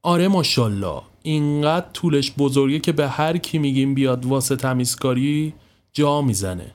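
A male narrator voicing a chatty, house-proud middle-aged hostess with drawn-out exclamations, in a spoken story. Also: mid-range voice, animated, voice pushed up, natural voice. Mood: gossipy.

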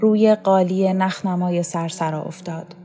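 A woman narrating a story in a calm, measured reading voice. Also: fairly low pitch. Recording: faint music underneath.

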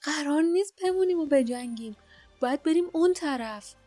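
A woman's voice: high voice, no echo, soft background music, voice pushed up. A woman voicing a young male hero who speaks urgently and breathlessly.

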